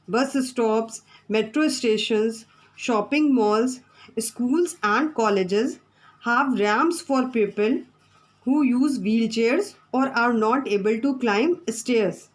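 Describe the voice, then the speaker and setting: A woman's voice: fairly high pitch, rough recording. A woman teacher, giving a classroom lesson from the textbook, repeating her points and spelling out words.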